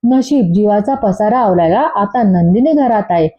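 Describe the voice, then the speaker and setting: A woman's voice: mid-range voice, lively intonation, moderate pace, lightly acted. A woman voicing a chatty middle-aged mother who fusses and chatters fondly. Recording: dull lo-fi recording.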